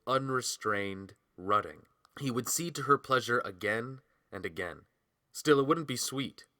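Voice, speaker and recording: A man narrating a romance audiobook in a measured, expressive way, close to the mic. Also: fairly low pitch, no room sound.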